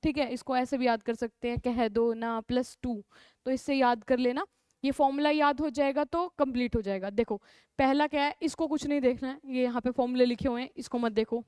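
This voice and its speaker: A woman's voice: high voice, steady tone, brisk, darkish tone, smooth, no room sound. A young woman with a North Indian accent teaching a chemistry class, repeating key terms and answering her own questions. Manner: calls students "beta", coaxing. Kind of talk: classroom lecture.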